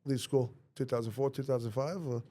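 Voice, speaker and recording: A man's voice: medium pitch, little pitch movement, mellow. Male podcast host, mid-range voice; upbeat, chatty, easygoing. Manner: upbeat, chatty, quick to laugh. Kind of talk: podcast interview.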